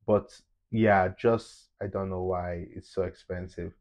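A man's voice: sits low, measured pace. A young man co-hosting a travel vlog, chatting casually and opinionated, recorded in a hotel room on a lapel mic. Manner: animated, opinionated, laughs easily. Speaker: travel vlogger co-host. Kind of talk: casual review chat.

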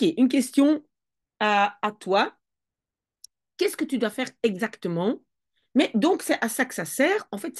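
A woman's voice: mid-range voice, darkish tone. A woman teaching Dutch spelling rules, explaining step by step and often correcting herself as she thinks aloud. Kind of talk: casual explanatory lesson.

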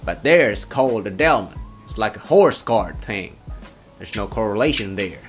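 A man's voice: lowish voice, expressive, moderate pace. A young man in his twenties from Indonesia, playfully switching between many put-on accents in a comedic video. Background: background music.

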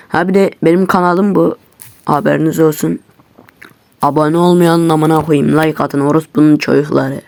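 A man's voice: fairly high pitch, vocal fry, a little mellow, dry recording. A man ranting at his viewers in an agitated, heavily profane way, talking from his computer. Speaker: YouTuber. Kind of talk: angry casual rant to viewers.

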